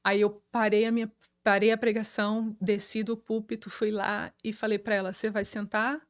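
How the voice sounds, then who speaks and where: A woman pastor with a Brazilian Portuguese accent, telling a personal testimony in a lively, chatty way. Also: medium pitch, normal speed, no echo, clean studio sound. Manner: lively, chatty, many fillers and restarts. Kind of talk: testimony storytelling.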